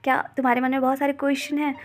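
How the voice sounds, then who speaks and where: A woman's voice: high-pitched, flat delivery, very fast, close to an everyday voice. A woman reading a smug, teasing young man. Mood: calm. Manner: teasing, playful.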